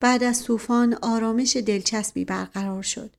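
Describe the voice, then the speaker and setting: A woman with a somewhat high voice narrates a novel aloud. Her reading is steady and measured, the calm thread between the characters' outbursts. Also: vocal fry. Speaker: audiobook narrator. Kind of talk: storybook narration.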